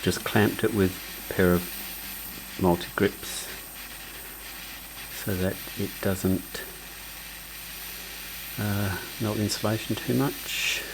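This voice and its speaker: A man's voice: fairly low pitch, slow pace, vocal fry, long pauses, noisy background. A man with an Australian accent casually explaining car wiring work as he does it, thinking aloud. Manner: relaxed, thinking aloud while working. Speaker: DIY car vlogger. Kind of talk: casual how-to narration. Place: at a car's engine bay, working on it.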